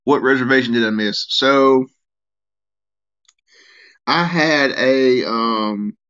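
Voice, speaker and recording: A man's voice: mid-range voice, slow pace, smooth, muffled recording. A tired man, chatting casually on a live stream and answering comments from viewers. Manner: rambling, relaxed, reads and answers chat comments. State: tired, yawning.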